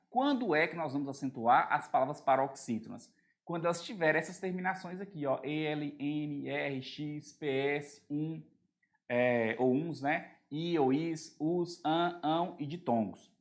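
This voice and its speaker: A man with a Brazilian Portuguese accent teaching an exam-prep grammar lesson, who spells out letters and endings and keeps checking in with his students. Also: on the high side. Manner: keeps checking in with the class using short tag questions.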